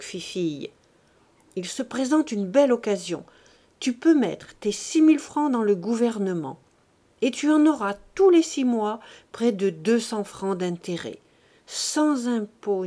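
A domineering old miser of a father, insistent and hectoring, read by a woman. The voice is fairly high yet mellow and warm. It is an audiobook reading with emphatic, pressing delivery. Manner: wheedling then hectoring, emphatic.

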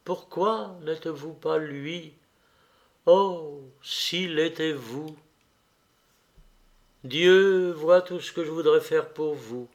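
Man reading as a tender young woman in a storybook, soft and pleading, slow, kinda high.

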